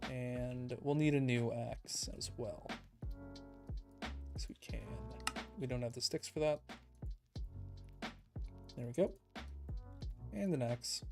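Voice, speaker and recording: A man casually commenting on his own gameplay as a streamer, relaxed and self-deprecating, thinking out loud and a little out of breath. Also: medium pitch, slow pace, vocal fry, pauses often. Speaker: let's play streamer. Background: background music.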